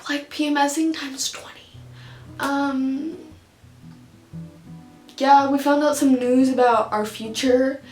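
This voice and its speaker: A woman's voice: high voice, fairly even intonation, slow, pauses often, darkish tone, faint music behind. Teary young woman vlogging, echoey room. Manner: rambling, giggly, emotional, many fillers. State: teary, on the verge of crying. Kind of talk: casual chat to camera.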